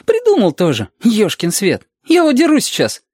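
A reader voicing Reshka, an eager, anxious boy guide, in a high, pleading, restless voice in an audiobook. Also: wildly swooping pitch, moderate pace, a little mellow, husky, dry recording, clean studio sound. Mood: cheeky. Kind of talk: audiobook reading.

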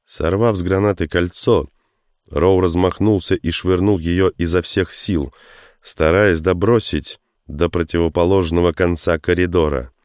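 A man reading an action story aloud in steady, even scripted narration. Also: low voice, unhurried, smooth, dry recording, clean studio sound. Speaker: audiobook narrator.

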